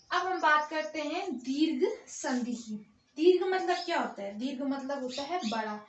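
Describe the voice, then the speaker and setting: A woman's voice: high-pitched, a little hiss or hum. A woman teaching a Hindi grammar lesson with an Uttarakhand Hindi accent, asking questions and answering them herself, often checking "theek hai". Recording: echoey room, dull lo-fi sound.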